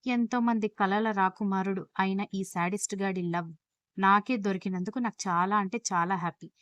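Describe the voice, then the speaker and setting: A woman's voice: medium pitch, steady tone, moderate pace, fairly bright tone, no room sound, lightly acted. A woman voicing a playful chatty young wife.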